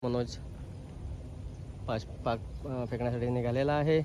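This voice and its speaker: A man giving short, quiet remarks in casual chat at a creek. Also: medium pitch, steady tone, unhurried, a little hiss or hum. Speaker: fishing companion.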